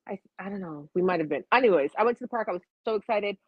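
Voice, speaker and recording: Brief: woman host of a live stream, animated, salty, dry lo-fi audio. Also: medium pitch, rapid-fire, slightly rough, no room sound. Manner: animated, swears freely. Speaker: livestream host. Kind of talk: casual live-stream chat.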